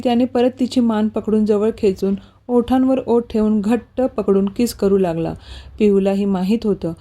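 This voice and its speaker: A woman narrating a romantic story in a Marathi accent, reading the dialogue in a slightly higher voice. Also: warm tone.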